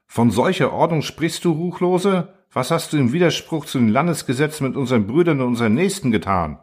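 Outraged older elders, voiced by a man, raised pitch, husky edge. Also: animated, fairly quick, lightly acted. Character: indignant council of old male elders.

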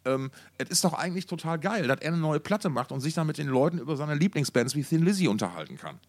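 A man co-hosts a podcast, talking about music in a casual, slangy, enthusiastic way and often repeating words while he searches for the right phrasing. His voice sits on the high side, animated and quick.

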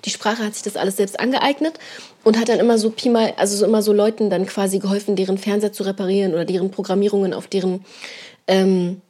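Brief: young woman podcast co-host, quick rambling storyteller, low-key mellow tone. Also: flat delivery. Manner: rambling, lots of fillers and slang tags. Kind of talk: casual storytelling chat.

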